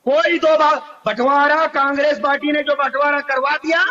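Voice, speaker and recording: A man's voice: very high-pitched, steady tone, normal speed, bright, forceful tone, dull audio. A man arguing his side as a guest in a heated TV debate, insistent and listing his points one after another. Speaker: political guest.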